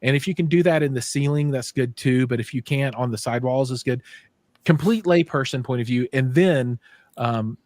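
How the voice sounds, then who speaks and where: A man's voice: medium pitch, darkish tone, no echo. Fifty-something guy hosting a stream, dry close mic, keeps restarting himself, pokes fun at himself. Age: 50s. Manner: self-deprecating, halting with restarts. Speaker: show host. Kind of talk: casual livestream chat.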